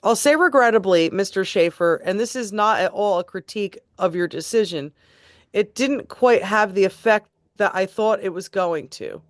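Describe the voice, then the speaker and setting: A woman reading court transcript passages aloud in a steady, deliberate way and adding her own remarks. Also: mid-range voice, dry recording, studio quality. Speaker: tribute band host reading court transcripts.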